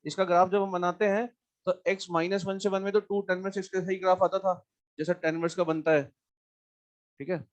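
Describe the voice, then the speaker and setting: A man's voice: high voice, little pitch movement, moderate pace, muffled recording. A man teaching math in a live class, chatting with students and then working through a problem. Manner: mixes Hindi with English math terms, asks students questions.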